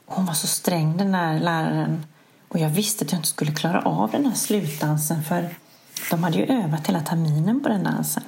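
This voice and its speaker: A middle-aged woman with a low voice and a gravelly, fry-tinged edge tells a personal story. She speaks in a soft, hushed way and pokes fun at herself. The tone stays candid and conversational. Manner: candid, self-mocking. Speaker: podcast host.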